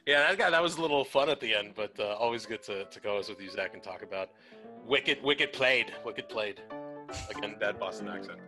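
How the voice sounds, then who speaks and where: A man co-hosts a podcast in loose casual chat. His voice is bright and forward, pitched a little low, and he rambles through long tangents with plenty of fillers. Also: quick pace, gravelly, few pauses, faint music behind. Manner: rambling, filler-heavy, laughing asides. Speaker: podcast co-host.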